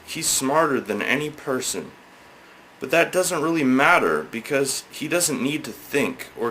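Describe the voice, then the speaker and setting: A man's voice: mid-range voice, sharp tone, slight background noise, low-quality recording. A man giving a hammy, theatrical dramatic reading of a scripted satirical essay, leaning on words for emphasis.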